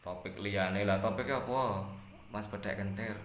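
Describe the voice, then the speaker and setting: A man with a Javanese accent talking casually to viewers, lecturing and climbing higher in pitch when he scolds. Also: fairly even intonation, unhurried, reverberant. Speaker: live-stream host answering viewer comments. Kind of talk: casual talk mixing Indonesian and Javanese.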